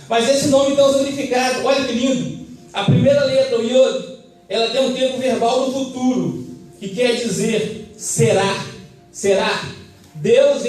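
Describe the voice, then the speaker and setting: A man's voice: extremely high pitch, a little mellow. A man with a Brazilian Portuguese accent preaching a fervent sermon and calling for amens from the congregation. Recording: echoey church hall, mic at a distance.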